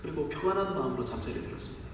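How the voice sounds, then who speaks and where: A middle-aged man preaches to his congregation in a fairly high, lively voice, stacking up phrase after phrase in a steady rhythm and firing rhetorical questions at the pews. He is captured from a distance in a large church sanctuary with a long, booming reverb, and a faint hiss sits beneath him. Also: very fast. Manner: rhythmic listing cadence. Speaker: pastor. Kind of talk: sermon. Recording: echoey church hall from far off.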